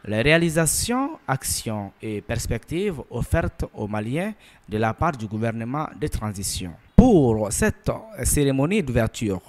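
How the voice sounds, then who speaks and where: A man's voice: mid-range voice, a little mellow. A man reading a scripted news voice-over in a formal manner. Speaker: news narrator.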